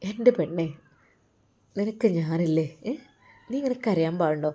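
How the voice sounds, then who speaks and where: A woman voicing a gentle caring young husband. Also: fairly low pitch, lively intonation, unhurried. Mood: tender.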